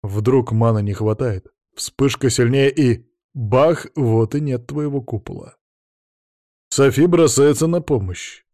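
A man's voice: mid-range voice, slow pace, warm tone, no room sound, studio quality, lightly acted. A man voicing a blunt, lecturing male veteran mentor in an audiobook. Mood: gruff, lecturing. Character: gruff veteran male mentor, mocking and stubborn.

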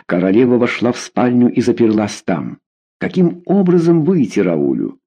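A man narrating a historical novel in an expressive, measured audiobook reading. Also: mid-range voice, breathy edge.

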